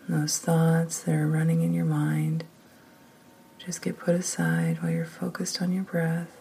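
A woman leading a guided meditation in a soft, often whispered, slow and soothing voice. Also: sits low, gravelly, slight background noise.

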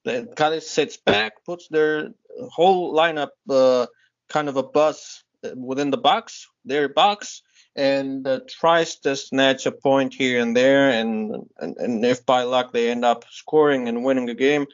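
A man co-hosting a casual football podcast, relaxed and chatty, cutting in with quick remarks. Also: medium pitch. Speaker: podcast co-host. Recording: dull lo-fi audio.

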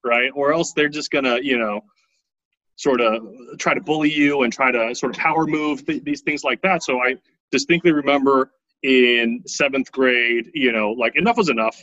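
A man's voice: medium pitch, normal speed, bright, forceful tone, no room sound, highs cut off. A man in his thirties from Taiwan, telling his life story casually as an interview guest, often tagging his lines with "right?".

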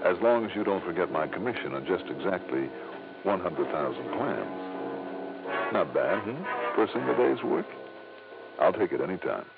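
An actor playing a hard-boiled, wry investigator in vintage radio drama, with clipped slangy delivery. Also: male voice, low-pitched, very animated, normal speed, gravelly, heavily acted. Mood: breezy. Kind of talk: 1950s-60s radio drama acting and narration. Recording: vintage radio broadcast, muffled narrow band, music.

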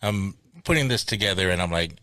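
A man's voice: low voice, expressive, fairly quick, pushed and bright, dry recording. A man hosting a podcast, introducing clips and calls with dry, wry remarks. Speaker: podcast host and producer. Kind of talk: casual chat.

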